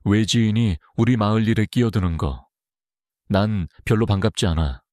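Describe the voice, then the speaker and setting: A man voicing an old village chief who speaks in a low, guarded, warning tone. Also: moderate pace, a little mellow, dry recording, studio quality, lightly acted. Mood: cold warning.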